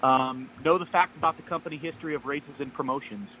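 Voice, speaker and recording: Man, phone caller on speaker, distant phone line, bright voice, faint room noise. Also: fairly high pitch, steady tone, fast. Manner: upbeat, gives step-by-step tips. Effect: heard over a phone line on speaker. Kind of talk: casual advice chat.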